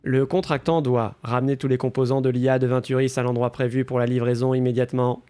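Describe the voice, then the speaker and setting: A man's voice: mid-range voice, flat delivery, fast talker, dark tone, smooth. A man putting on a robot voice to read the messages of a cold, formal corporate AI overseer while playing a game. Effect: robot voice, put on by mouth without any filter. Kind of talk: reading in-game text aloud while streaming.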